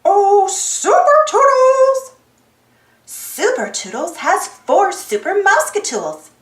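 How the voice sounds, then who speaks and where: A woman voicing a cheerful, heroic little male cartoon mouse telling his adventure eagerly in a high voice. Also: wildly swooping pitch, slow pace, roomy sound, slight background noise, exaggerated voice. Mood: excited. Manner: eager, exclamatory.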